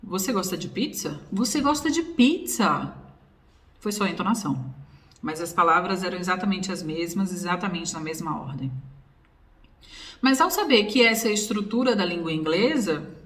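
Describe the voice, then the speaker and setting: A woman's voice: fairly low pitch, far from the mic. Woman Brazilian teacher giving an online lesson, emphatic, repeats for effect, sits a bit back from the mic. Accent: Brazilian Portuguese. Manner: emphatic, repeats points, asks rhetorical questions. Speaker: English teacher.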